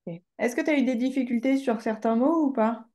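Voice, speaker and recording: A woman with a rather high voice tutors a student in a one-to-one lesson. She checks a dictation word by word, patient and clear. She says words again slowly when they come out wrong. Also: mellow. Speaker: French tutor.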